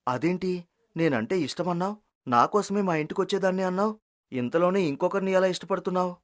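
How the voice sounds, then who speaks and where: A voice actor playing a humble, kind-hearted young village man in an animated story, gentle and pleading. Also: medium pitch, a little fast, lightly acted. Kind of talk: storybook cartoon voice acting.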